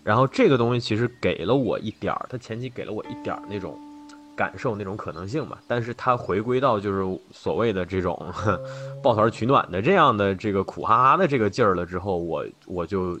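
Low-voiced reflective man on a podcast. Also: animated, brisk, fairly bright tone. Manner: reflective, hesitant, many fillers. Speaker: podcast co-host. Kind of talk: casual podcast discussion.

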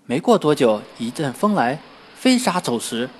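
A man narrating a classic tale for children in an expressive storytelling manner. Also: mid-range voice, normal speed. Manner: lively, expressive. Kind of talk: scripted narration.

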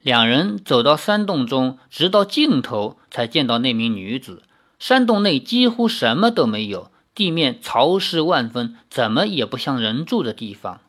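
A man reading a fantasy novel aloud as storyteller, in an expressive way. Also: mid-range voice, normal speed.

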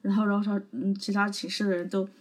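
A woman's voice: medium pitch, little pitch movement, fast talker. A young adult woman co-hosting a podcast, telling a long anecdote in casual, rambling chat. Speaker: podcast co-host.

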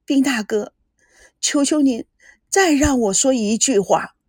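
A woman reading a story aloud, voicing a tender but spirited young bride. Her tone is husky and breathy. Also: sits high, measured pace, darkish tone, no echo, clean studio sound, voice pushed up. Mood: distressed.

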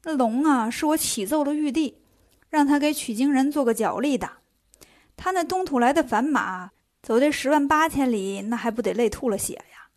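A woman's voice: sits high, lively intonation, moderate pace. A woman voicing a female bodhisattva who scolds and teases in a bossy way. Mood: explaining. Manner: bossy, teasing, at times hushed.

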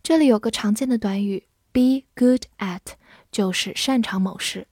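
A woman teaching English words in Chinese, spelling each word out letter by letter and reading example sentences slowly. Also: on the high side, darkish tone, husky, no room sound, clean studio sound. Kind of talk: vocabulary lesson.

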